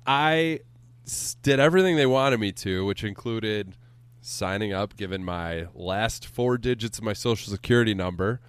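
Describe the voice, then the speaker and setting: A man co-hosting a podcast, telling a story as an animated, profane rant into a studio microphone. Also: fairly low pitch, normal speed, clean tone, no room sound. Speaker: podcast co-host. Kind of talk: casual podcast banter.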